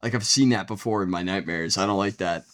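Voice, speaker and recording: A man co-hosting a casual podcast, laid-back and swearing freely, telling animated stories. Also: low-pitched, a little fast. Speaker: podcast co-host.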